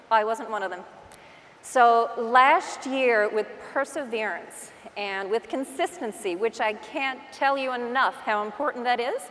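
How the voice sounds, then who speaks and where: A woman's voice: fairly high pitch, a bit bright, a little hiss or hum. A woman with a Newfoundland accent giving an informal, self-deprecating motivational talk as a conference speaker, telling stories with acted-out asides. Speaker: real estate agent and conference speaker. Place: large indoor conference hall. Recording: long hall reverb from stage.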